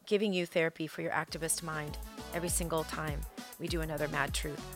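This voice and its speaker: A woman's voice: low voice, fairly even intonation, music in the background. A woman podcast host giving an opinionated political monologue, emphatic, repeating phrases for effect and putting rhetorical questions to listeners. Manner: emphatic, with deliberate repetition for effect.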